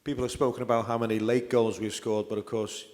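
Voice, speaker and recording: A man's voice: medium pitch, little pitch movement, fast, a little mellow, in a large hall. Polished male presenter, mid voice. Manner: polished, leading questions. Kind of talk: studio interview and presenting.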